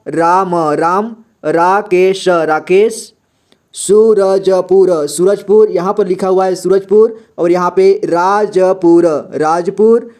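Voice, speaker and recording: A young man teaching a reading lesson, spelling words out slowly syllable by syllable and often checking in with his listeners. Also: high voice, darkish tone. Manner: repeats "ठीक है" and "दोस्तों" often. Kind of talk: slow step-by-step reading lesson.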